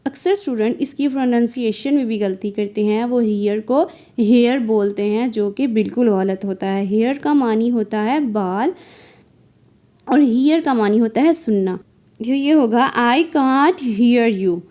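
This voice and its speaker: A woman teaching English, reading example sentences slowly and clearly. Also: on the high side, mellow. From South Asia. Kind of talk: spoken English lesson.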